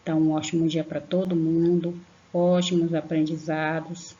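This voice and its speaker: This Brazilian primary school teacher speaks in a low, mellow voice with flat delivery during an online grammar lesson for young kids. Affectionate throughout, she spells syllables out slowly and emphatically and checks in with a questioning "tá?". The recording quality is lo-fi.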